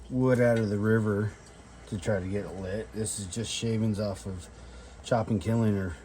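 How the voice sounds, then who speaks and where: Low-voiced tipsy man rambling casually. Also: mellow. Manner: self-deprecating, salty-tongued; tipsy, loose drinking talk. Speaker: outdoor vlogger demonstrating fire starting. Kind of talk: casual rambling chat while doing a task.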